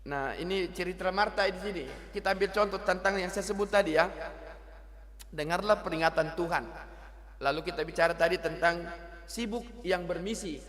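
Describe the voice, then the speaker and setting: A middle-aged male pastor, preaching a lively, teasing sermon in church. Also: sits high, normal speed. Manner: lively, teasing, mixes local words into his preaching. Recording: long church reverb.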